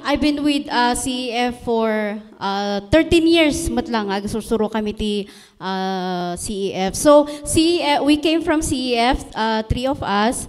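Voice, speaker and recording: A high-pitched Filipino woman teaches a children's ministry seminar in a relaxed, chatty way. She pauses often on fillers and adds friendly asides. Her voice carries a long echo around the church hall. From Philippines. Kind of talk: seminar teaching, mixing English and Tagalog. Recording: echoey hall.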